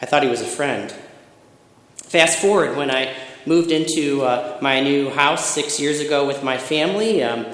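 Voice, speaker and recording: A middle-aged man from Michigan is preaching a sermon. He moves through personal stories at a steady, reflective pace and builds emphatic lists. His voice rings around a reverberant hall. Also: on the high side. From Michigan, USA. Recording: echoey hall with long reverb.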